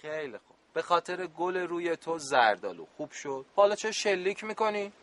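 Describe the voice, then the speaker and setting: Good-humored camp supervisor in a radio play; slightly high voice, wry and pleading. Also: male voice, animated, fairly bright tone. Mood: exasperated. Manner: joking, exasperated, pleading.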